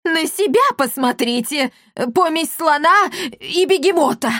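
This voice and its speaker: A woman's voice: mid-range voice, normal speed, darkish tone, no room sound, clean studio sound, lightly acted. A woman reading a story aloud, voicing a pompous, touchy old man who is the village elder and whines and takes offence. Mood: indignant. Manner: indignant, whining, aggrieved.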